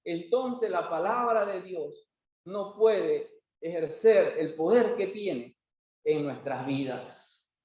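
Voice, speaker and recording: A man preaching in a high voice, taking his time over each phrase. He presses the congregation with rhetorical questions and repeats key lines for weight. The sound is muffled and lo-fi, with heavy echo from a church hall. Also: expressive, slow pace, a little mellow. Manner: rhetorical questions, emphatic repetition. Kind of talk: sermon. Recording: very echoey hall, dull lo-fi sound.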